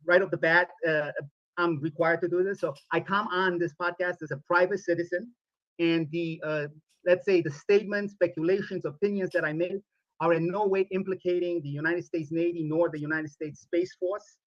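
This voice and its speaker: A man from Romania, speaking in a formal, deliberate way as a podcast guest. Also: high-pitched, fairly even intonation, no room sound, muffled recording. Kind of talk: podcast interview played back.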